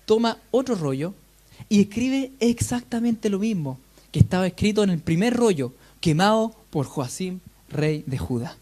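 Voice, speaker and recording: A preacher giving a sermon, telling stories lively and firing rhetorical questions at the congregation. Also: medium pitch, normal speed.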